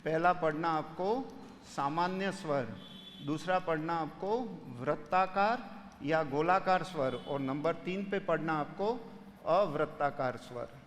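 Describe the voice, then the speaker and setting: A man's voice: fairly high pitch, measured pace, big-room sound, a little hiss or hum. A man teaching grammar for an exam, explaining step by step and putting students' questions to himself. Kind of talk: exam-prep lecture solving questions.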